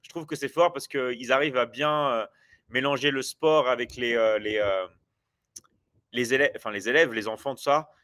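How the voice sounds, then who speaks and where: A man in his forties hosts a casual livestream, rambling with viewers through many hesitations and restarts. His voice is medium-pitched, bright and forceful, at a moderate pace.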